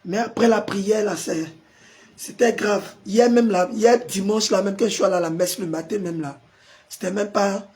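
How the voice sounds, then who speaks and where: A pastor hosting a live stream, hoarse from a sore throat and forcing his voice out as he chats with viewers and answers their comments. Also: sits high, steady tone, normal speed, a little mellow. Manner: chatty, greets viewers by name and answers comments.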